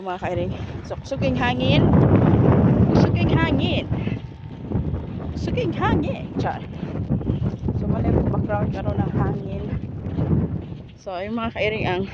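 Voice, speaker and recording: A vlogger walking around a farm with animals, chatting casually, teasing and joking and calling out to the animals. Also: mid-range voice. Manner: playful, teasing, jokes and then takes it back, calls out to animals. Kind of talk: casual vlog narration while walking around. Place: outdoor farm with camels, goats and birds. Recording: windy, dull outdoor phone audio.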